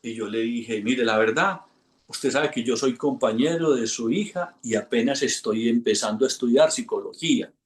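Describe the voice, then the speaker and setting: A man, an instructor telling a lively anecdote to a class and acting out the voices in it. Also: mid-range voice, normal speed, echoey room. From Colombia. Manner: animated storyteller, acts out quoted voices. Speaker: hypnosis instructor.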